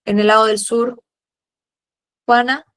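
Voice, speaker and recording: A woman teaching a history class, patiently calling on students and filling pauses with "eh" and "a ver". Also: fairly high pitch, level tone, a bit bright. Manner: patient, fills pauses with "eh" and "a ver", uses diminutives. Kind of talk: classroom lesson, questioning students.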